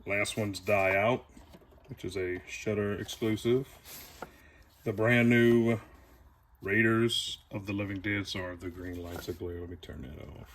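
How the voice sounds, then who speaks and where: A man's voice: lowish voice, steady tone, unhurried, a bit bright, slight background noise. A man giving a casual, rambling tour of his movie collection, with audible heavy breathing. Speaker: video collector showing his shelves.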